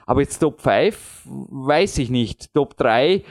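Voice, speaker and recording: A gravelly, medium-pitched man in his late thirties, a podcast host and competitive climber, talks slowly and expressively at length in a casual chat. He rambles, pokes fun at himself, and chuckles often.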